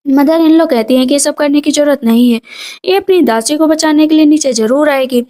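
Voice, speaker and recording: A woman with a notably high voice retells a drama scene by scene. Her delivery is brisk and casual, and she drops in each character's lines without much change of voice. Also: dark tone. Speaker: movie recap narrator. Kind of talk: casual drama recap narration.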